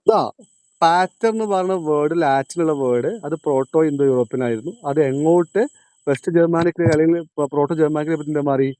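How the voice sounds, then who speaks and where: A male teacher, lecturing in a classroom, quizzing his students and repeating each point, slowing down on key terms. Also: fairly high pitch, warm tone, a little hiss or hum.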